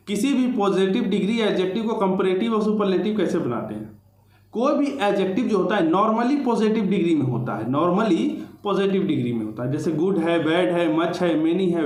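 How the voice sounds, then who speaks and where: A man's voice: high voice, roomy sound. A man teaching a grammar lecture to exam students, explaining step by step and repeating key points.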